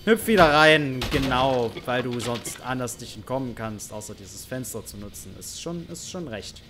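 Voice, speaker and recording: A man's voice: medium pitch, lively intonation, moderate pace, music in the background. A man giving playful, teasing let's-play commentary over a horror game, mock-taunting the characters he hunts. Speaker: gaming YouTuber.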